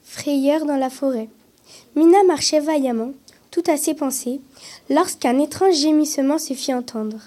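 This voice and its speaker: A woman reading a children's book aloud in a calm, steady way. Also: high-pitched, a little slow. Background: guitar music.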